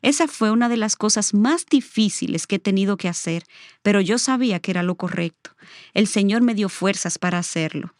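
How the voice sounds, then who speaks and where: A woman's voice: mid-range voice, fairly quick, no echo, studio quality. A middle-aged woman, a guest on the show, telling a personal testimony in an earnest, reflective way. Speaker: interview guest.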